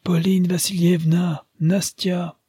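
A stout, easily flustered father who blurts out exclamations and stammers, as a man reads him. The voice is husky and mellow, heard up close in a dry room. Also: mid-range voice, normal speed, no room sound. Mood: astonished. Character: corpulent, flustered middle-aged father.

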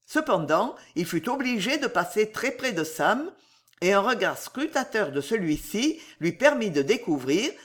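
An audiobook narrator reading a classic novel in an expressive, dramatic storytelling manner. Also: medium pitch.

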